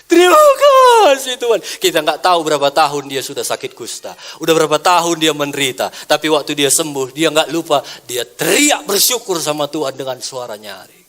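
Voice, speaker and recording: A pastor preaches with a lively voice that climbs and falls across a wide span. He sits a little high for a man. He moves from quiet, close asides to loud, ringing exclamations. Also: fairly quick, few pauses. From Indonesia. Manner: animated preaching, swinging between soft asides and loud exclamations. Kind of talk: sermon.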